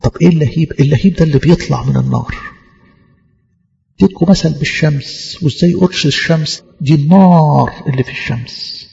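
A man with an Egyptian accent preaching a sermon in a church, fervent, repeating key phrases and slowing down for scripture quotes. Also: on the high side, creaky, mellow, long reverb tail, muffled recording. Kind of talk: Coptic Orthodox sermon in Egyptian Arabic.

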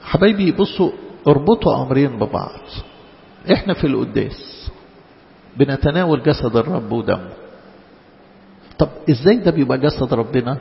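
A man with an Egyptian accent, a priest giving a sermon, with sudden loud emphatic rises and slow drawn-out quotations. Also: mid-range voice, expressive, vocal fry, big-room sound, dull audio. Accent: Egyptian Arabic.

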